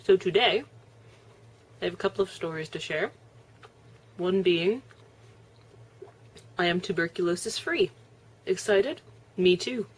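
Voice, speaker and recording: A woman's voice: on the low side, unhurried, long pauses, slightly rough. A young woman chatting casually on her video blog, laughing often and chewing as she talks. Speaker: vlogger. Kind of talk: casual vlog chat.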